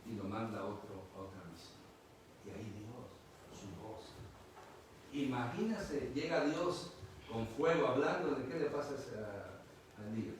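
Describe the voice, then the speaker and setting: A man preaching slowly and with feeling, swinging between loud calls and soft, hushed lines. He is recorded from a distance in a very echoey hall, with steady noise behind him. His voice sits at an average pitch. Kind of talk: sermon. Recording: echoey room, mic at a distance, noisy.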